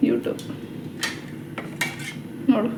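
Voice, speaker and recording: A woman's voice: drawn-out words, phone-quality sound, noisy background. A woman in her forties with a Kannada accent, a mother chatting and teasing her daughter in a home kitchen at night. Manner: teasing, bossy, laughing. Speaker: vlogger, mother. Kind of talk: casual family chat.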